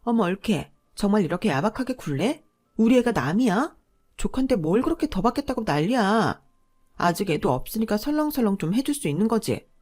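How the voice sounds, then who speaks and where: A bossy, grasping sister-in-law in a radio drama, as a woman plays her, barking rude demands in a voice of middling pitch. Faint music plays behind her. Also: very animated, brisk, a little mellow. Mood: angry.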